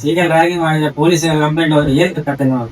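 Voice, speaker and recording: A man's voice: fairly high pitch, fairly even intonation, racing, a little mellow, far from the mic, soft background music, close to an everyday voice, rough recording. A man playing a stern teacher who lectures students with pointed questions.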